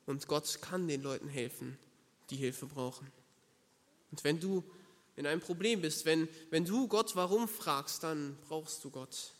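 A man's voice: a little high, unhurried, in a large hall. A man preaching a sermon, earnest and emphatic, speaking directly to the listener.

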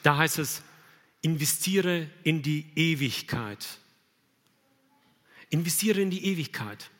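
A man's voice: on the high side, expressive, slow, fairly bright tone, big-room sound. A man preaching a sermon in an earnest, emphatic way, posing questions to his congregation.

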